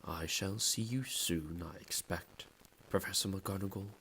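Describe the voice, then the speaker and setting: Dumbledore, calm low old wizard by a man. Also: unhurried, slight background noise, heavily acted. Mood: quiet. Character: old wise male headmaster, calm and dry-humoured.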